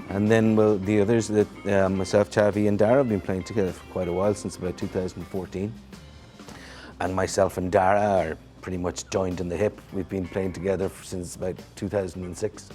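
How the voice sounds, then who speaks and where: A man from Ireland with a Dublin accent, a musician answering interview questions in a relaxed, rambling way. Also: sits low, fairly quick, soft background music. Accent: Irish, Dublin. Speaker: musician guest.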